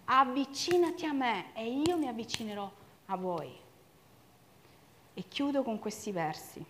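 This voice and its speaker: Impassioned woman preacher, fairly high voice. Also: animated, measured pace, a little hiss or hum. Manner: impassioned, swings between loud urging and quiet reflection. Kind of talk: sermon.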